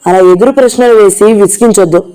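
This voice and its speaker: A reader voicing a jealous, domineering husband who speaks irritably in an audio novel. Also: female voice, mid-range voice, fast talker, warm tone, close to an everyday voice, poor audio. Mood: irritated. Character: jealous controlling husband Raghu.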